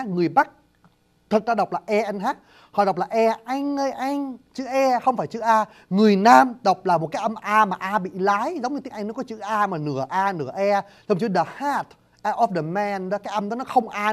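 Fast-talking man lecturing on speech sounds. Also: sits high, a little mellow. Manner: addresses listeners formally, demonstrates sounds aloud. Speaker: teacher of Vietnamese phonetics. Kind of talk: spoken lecture to an audience.

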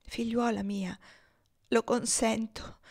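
A woman's voice: fairly high pitch, little pitch movement, slow, darkish tone, pitched above the performer's own voice. St. Clair: a woman reading a doting father. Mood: grieved. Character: affectionate, jovial, grieving father.

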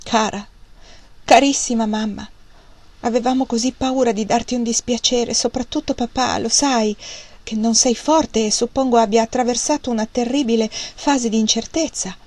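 A woman reading an audiobook, voicing a gentle, earnest young woman who speaks softly and soothingly. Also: on the high side, fairly even intonation, moderate pace, no echo, pitched above the performer's own voice, lightly acted.

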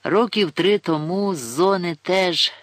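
A man voicing a gruff, mocking older forester who looks down on city folk. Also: sits high, a little slow, a bit bright, dry recording, pitched above the performer's own voice. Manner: grumbling, scornful, folksy.

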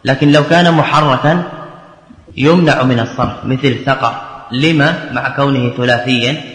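A man teaching grammar, explaining a verse text line by line, asking and answering his own questions and repeating key phrases slowly. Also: medium pitch, fairly bright tone. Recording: echoey hall with long reverb.

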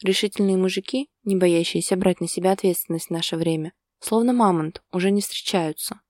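A woman narrating a story in a calm, even storytelling manner. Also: lowish voice, fairly quick, no room sound, studio quality.

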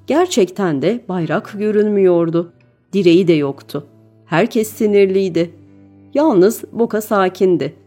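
A woman's voice: mid-range voice, dark tone. Woman reading a storybook aloud. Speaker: audiobook narrator. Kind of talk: storybook narration.

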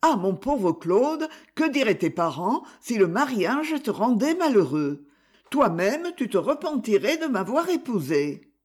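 A man reading aloud plays an anxious young bride, gentle and pleading, in a storybook. The voice is lifted high above his own, with a lively, swinging pitch. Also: unhurried, exaggerated voice. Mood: worried.

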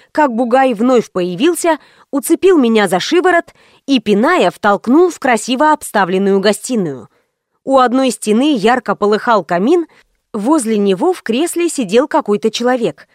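Woman narrating an audiobook, high voice. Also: expressive, normal speed, dry recording, studio quality.

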